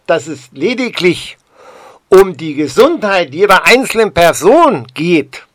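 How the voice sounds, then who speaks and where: A man delivers a prepared address to the public at a slow, deliberate pace. His voice sits a little high, and he stresses his points with indignant, rhetorical emphasis. The sound is dry and close, with no room around it. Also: fairly bright tone, no echo.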